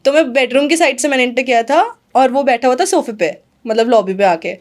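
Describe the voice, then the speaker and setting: A woman with a fairly high voice recounts a personal story as a guest in conversation. Her telling is earnest and full of fillers. She drops English phrases into her speech as she goes. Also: fairly quick. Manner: earnest, filler-heavy retelling with quoted dialogue; mixes Hindi with English phrases.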